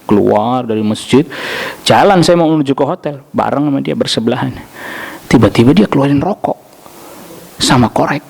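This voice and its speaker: An Islamic preacher with a gravelly, husky mid-range voice gives a study lecture at a mosque. He's a lively storyteller, telling anecdotes with jokes and acted-out quotes, and answers questions directly.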